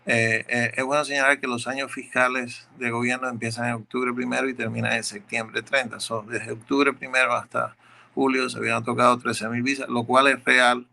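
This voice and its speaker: With a gravelly, bright, forceful voice at medium pitch, a man who works as an immigration lawyer takes legal questions. His answers are methodical and explanatory, and he frequently repeats a word while hunting for what comes next.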